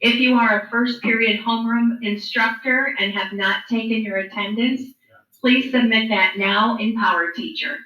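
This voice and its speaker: A woman's crisp, fairly high voice comes over a school intercom, polite and businesslike as she gives a formal announcement. The sound is muffled and thin, and it echoes around the classroom where it is picked up from across the room. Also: steady tone, moderate pace. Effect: school intercom loudspeaker.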